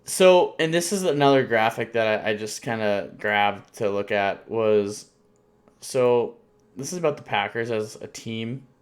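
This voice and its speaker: A man's voice: on the low side, lively intonation, unhurried. Rambling man co-hosting a sports podcast. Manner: rambling, full of fillers and restarts. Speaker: podcast co-host. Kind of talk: casual sports chat.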